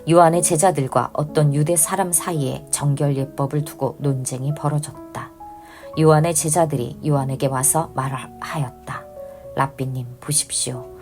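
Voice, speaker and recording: Low-voiced woman reading scripture. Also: fairly even intonation, moderate pace, a little mellow, faint music behind. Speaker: Bible reader.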